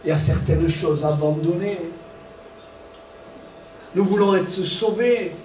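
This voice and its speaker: High-voiced preacher in an echoey church. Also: male voice, unhurried, slight background noise. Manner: animated preaching, acts out dialogue, shouts warnings. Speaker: pastor. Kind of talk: sermon. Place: church hall. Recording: echoey church room from far off, faint ambience.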